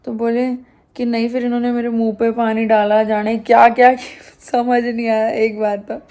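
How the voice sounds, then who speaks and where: Young female vlogger with a high voice, chatty and animated, retelling an event. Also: moderate pace. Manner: animated retelling, acting out what others said. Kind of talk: casual storytelling to camera.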